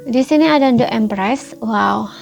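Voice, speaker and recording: A woman giving a tarot reading in a gentle, repetitive, coaxing way, full of fillers. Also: on the high side, measured pace, vocal fry, over music. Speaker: tarot reader. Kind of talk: casual spoken tarot reading.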